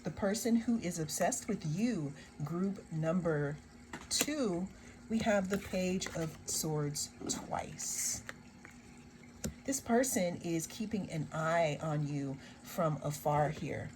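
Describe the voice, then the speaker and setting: Woman tarot reader, lower voice, slow and emphatic with sarcastic asides, faint hiss behind. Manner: slow, emphatic, drawn-out phrases with repeated refrains. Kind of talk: tarot card reading to viewers.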